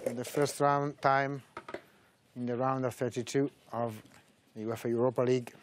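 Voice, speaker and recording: A middle-aged man hosting a live tournament draw, speaking haltingly with frequent pauses. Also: medium pitch, level tone, noisy background. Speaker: draw host.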